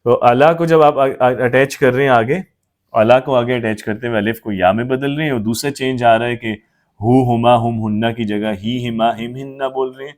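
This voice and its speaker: A man teaching an Arabic grammar lesson at an everyday pitch. His delivery is patient and methodical, and he goes back over each word form step by step. He keeps stopping to make sure the learner is following along. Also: fairly even intonation. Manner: patient, repeats forms, checks understanding often.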